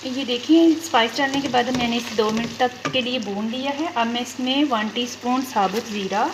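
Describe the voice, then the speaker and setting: A woman's voice: fairly high pitch, moderate pace, noisy background. A woman with a Pakistani Urdu accent hosting a cooking channel, politely talking through a recipe step by step in a kitchen. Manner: polite, methodical, lists quantities step by step. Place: kitchen at the stove. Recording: frying and sizzling behind the voice. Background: sizzling oil and stirring.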